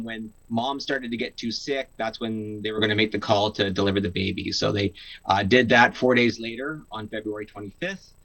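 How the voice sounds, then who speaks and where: A man's voice: lowish voice, a bit bright, poor audio. A young man from Canada, telling a personal story in a casual interview, earnest, with many fillers and restarts. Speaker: guest.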